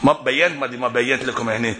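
A man's voice: mid-range voice, fairly even intonation, rapid-fire, bright, forceful tone, long reverb tail, a little hiss or hum. A man preaching a sermon at a religious gathering, building to rising, emphatic passion and chuckling often. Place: religious gathering hall indoors.

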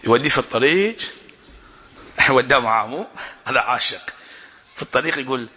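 Impassioned preacher, sharp voice. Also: male voice, mid-range voice, expressive, fairly quick, big-room sound. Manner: impassioned, builds to rising emphatic delivery, chuckles often. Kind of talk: sermon at a religious gathering. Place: religious gathering hall indoors.

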